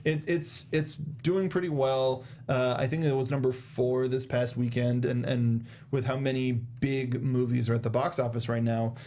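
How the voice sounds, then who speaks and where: A young American man co-hosts a movie review show, talking casually and conversationally in a mellow, mid-range voice. His delivery is flat and moderately paced with hardly any pauses. He's in a small indoor studio, close to a studio microphone fitted with a foam windscreen.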